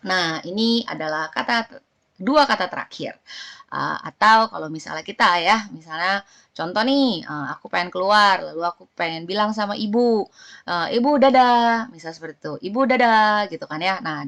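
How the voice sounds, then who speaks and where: A woman giving a casual language lesson as a vlogger, chatting along and repeating example phrases slowly and brightly. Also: on the low side, gravelly.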